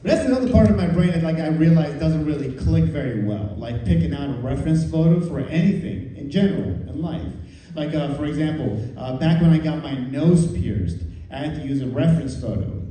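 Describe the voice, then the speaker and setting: A man's voice: fairly high pitch, lively intonation, a little fast, mellow. A man doing conversational stand-up comedy, telling self-deprecating stories in a casual way to a live audience. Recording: echoey room, distant, faint noise.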